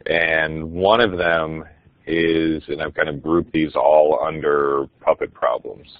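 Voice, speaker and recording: Man teacher, deep voice, casual enthusiastic webinar talk, frequent ums, dull lo-fi computer mic. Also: fairly even intonation, slow, no room sound. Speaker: teacher presenting on puppets. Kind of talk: webinar presentation.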